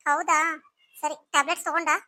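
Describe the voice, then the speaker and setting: A woman's voice: high-pitched, flat delivery, brisk, pushed and bright, no echo. A woman voicing a caring older sister figure in a cartoon story, coaxing and soothing as she talks.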